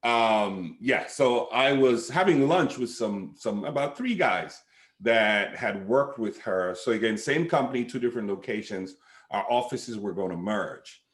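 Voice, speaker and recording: A middle-aged man from Sierra Leone, a pastor, telling a personal story in a relaxed way with lots of fillers over a home video call. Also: mid-range voice, a little slow, reverberant. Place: living room at home, indoors. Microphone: webcam on a video call.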